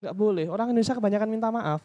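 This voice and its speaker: Brief: animated seminar trainer, mid-pitched voice, dry close sound, acts out customer exchanges. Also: no echo, highs cut off. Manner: lively, acts out customer dialogues in quick voices; addresses audience directly, asks and answers own questions. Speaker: business trainer. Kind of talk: casual seminar talk.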